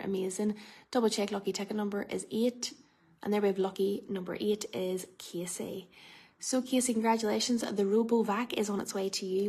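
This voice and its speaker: A woman with a husky, slightly rough voice and a medium pitch hosts a prize draw. She talks chattily and calls out numbers in the manner of a bingo caller, slowly and with repeats. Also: a little mellow.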